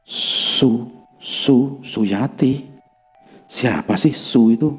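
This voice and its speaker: A man's voice: deep voice, animated, brisk, warm tone, husky, soft background music. A man voicing a frightened young woman asking herself anxious questions. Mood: fearful.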